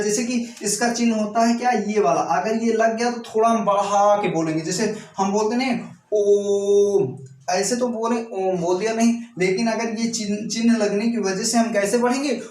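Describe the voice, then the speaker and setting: A man's voice: sits high, fairly even intonation, fairly quick, a little mellow. A man teaching an exam coaching lesson who keeps checking in with his students and draws out sounds to demonstrate them. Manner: keeps repeating "ठीक है दोस्तों", drawing out sounds to demonstrate. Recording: echoey room, off-mic.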